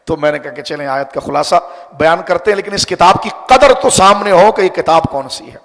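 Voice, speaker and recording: A man's voice: a little high, animated, creaky, a bit bright, big-room sound. A man, an Islamic scholar, giving a sermon that explains scripture and asks his listeners rhetorical questions.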